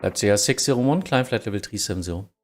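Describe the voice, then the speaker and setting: Low, creaky male air traffic controller. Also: expressive, very fast. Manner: clipped phraseology with digits spoken singly. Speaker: air traffic controller in online flight simulation. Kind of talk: air traffic control radio, procedural clearances.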